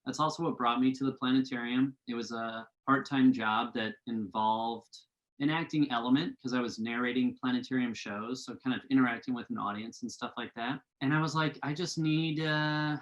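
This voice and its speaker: A man's voice: medium pitch, brisk, muffled recording. A young adult man, a guest who narrates audiobooks, chatting casually and thoughtfully on a podcast. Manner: conversational, thoughtful, with frequent restarts.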